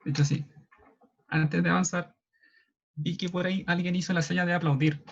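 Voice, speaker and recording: A man with a Chilean Spanish accent explaining signs in an online class, checking in often with a quick questioning "ya". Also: high voice, level tone. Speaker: sign language class moderator. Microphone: video call. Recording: dull lo-fi video call audio.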